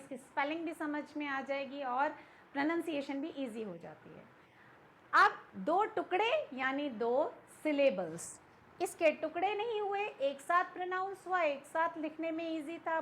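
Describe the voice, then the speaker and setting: A woman's voice: sits high, a little hiss or hum. A woman with an Indian accent explaining an English lesson to students, patiently asking questions and answering them herself. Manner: mixes English words into Hindi. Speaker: English teacher.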